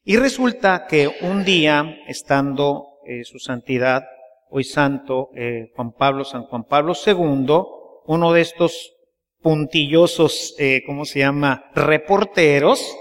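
High-voiced preacher in a reverberant church. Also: male voice, slow pace. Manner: folksy storytelling, keeps asking the congregation to agree. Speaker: priest. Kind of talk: sermon.

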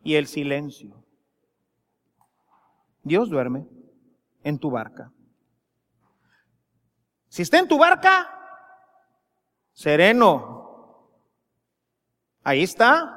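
Slow, high-voiced Mexican preacher in a reverberant church. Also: male voice, big pitch swings, pushed and bright. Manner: slow and emphatic, rising to impassioned pleas. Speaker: priest. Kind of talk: sermon.

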